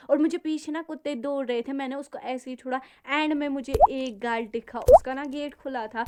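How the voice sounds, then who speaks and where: A woman's voice: sits high, a little mellow, smooth. A young woman telling a personal story in a casual vlog, chatty and repeating phrases for emphasis. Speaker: vlogger.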